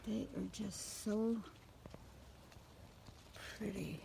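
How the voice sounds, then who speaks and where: A woman's voice: medium pitch, fairly even intonation, drawn-out words, gravelly, warm tone, a little hiss or hum, poor audio. A middle-aged woman walking outdoors through her home garden, pointing out flowers with gushing enthusiasm on a camera mic. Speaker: gardener giving a garden tour. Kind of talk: casual walking garden tour.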